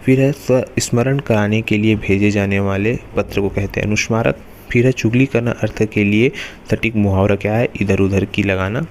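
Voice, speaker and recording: A man with a lowish voice works steadily through exam questions in a repetitive, drilling rhythm. A faint hiss of background noise sits under his voice. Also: normal speed. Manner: repeats "remember" and "then next" in a steady drilling rhythm. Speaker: exam-prep teacher.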